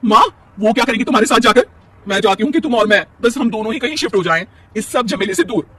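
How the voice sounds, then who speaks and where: A man voicing a spoiled, bossy young married woman with a shrill, whining voice. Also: animated, quick pace, sharp tone, breathy edge, recorded from a distance, exaggerated voice.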